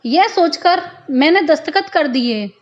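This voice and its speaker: A woman storyteller reads a first-person moral tale gently and thoughtfully. Her voice sits very high and moves slowly. The recording is slightly dull and lo-fi. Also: expressive.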